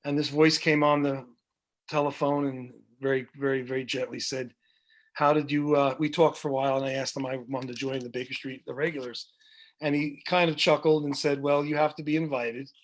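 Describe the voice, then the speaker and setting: A man's voice: mid-range voice, little pitch movement, a little fast. A middle-aged man telling long rambling anecdotes with many fillers and restarts, as a guest on a video podcast. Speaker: guest, music director. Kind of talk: storytelling in a video podcast interview. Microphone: video call.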